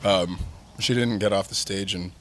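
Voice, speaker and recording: In this casual conversation, the guest is a thirty-something band frontman who tells his group's history candidly and at length, peppering it with "like" and "um." He speaks at a moderate pace in a low, fairly even voice that's a bit bright, over a faint hiss or hum.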